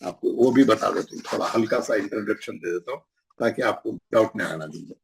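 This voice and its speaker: A man teaching a Quran recitation class, drilling syllables slowly and often checking in with his students. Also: fairly low pitch, creaky, a little hiss or hum. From Hyderabad, India. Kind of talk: classroom lesson.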